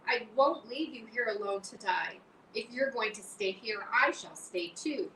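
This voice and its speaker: A woman's voice: medium pitch, expressive, normal speed, fairly bright tone, pitched above the performer's own voice, natural voice. A woman voicing an anxious, emotional young male pig who pleads and cries out, read as an audiobook. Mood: desperate. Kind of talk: audiobook reading. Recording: roomy, distant mic, faint hiss.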